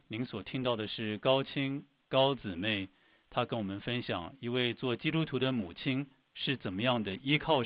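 A man's voice: medium pitch, dry recording. Formal man hosting a radio program. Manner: formal, measured announcing. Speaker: radio host. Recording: dry, dull lo-fi radio sound.

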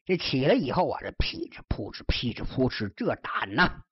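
Husky, lively woman storyteller. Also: a bass voice, moderate pace, dry recording, dull audio. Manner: lively, chatty asides to the listener with rhymed verse closings. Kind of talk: traditional storytelling narration.

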